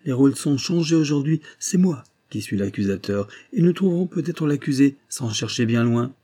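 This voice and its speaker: A man reading aloud, voicing a proud, composed young village woman who pleads her case in formal, measured speech. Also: medium pitch, animated, dark tone, close to an everyday voice. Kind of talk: audiobook reading.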